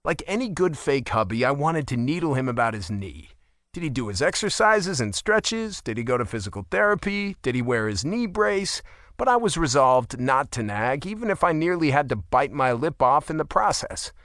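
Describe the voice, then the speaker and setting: Expressive male audiobook narrator, dry sound. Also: mid-range voice, normal speed, dry recording. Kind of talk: first-person audiobook narration.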